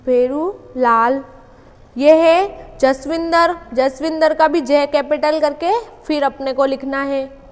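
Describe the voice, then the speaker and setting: A woman's voice: high voice, steady tone, slow pace, big-room sound. A woman teacher explaining a school English lesson, repeating her own questions and answering them.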